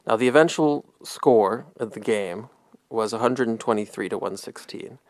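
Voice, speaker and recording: Low gravelly guy on a sports podcast, dry close sound, kinda rambly, laughs at his own bits. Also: moderate pace, no room sound. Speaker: podcast co-host. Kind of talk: casual sports chat.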